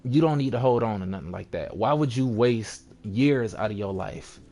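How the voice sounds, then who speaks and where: A man's voice: fairly low pitch, animated, moderate pace, dark tone, faint music behind. A young man vlogging in a casual, rambling rant, slipping into sarcastic mock voices as he talks.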